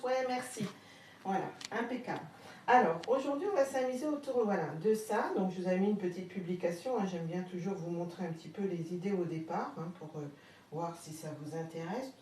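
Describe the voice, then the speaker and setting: A mellow-voiced woman with a slight Haute-Marne accent, talking through a casual live craft demo with lots of hesitant fillers. She sounds a little distant from the camera mic, in a roomy space with a faint hum behind her. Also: mid-range voice, brisk. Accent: Haute-Marne French. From France. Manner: chatty, hesitant with many fillers, greets viewers. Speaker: craft live-stream host.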